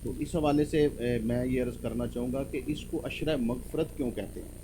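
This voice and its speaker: A man's voice: medium pitch, a little fast, noisy background. A man hosting a religious talk show, courteous and full of pious interjections. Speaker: host.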